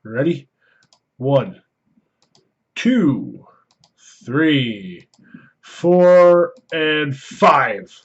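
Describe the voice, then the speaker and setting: A man with a moderately high voice hosts a trading card break. He gives casual live commentary and announces items with enthusiasm, stretching out his words. The recording is somewhat muffled and lo-fi. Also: sing-song, drawn-out words, pauses often, husky. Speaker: host of hockey card box breaks. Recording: dull, lo-fi microphone.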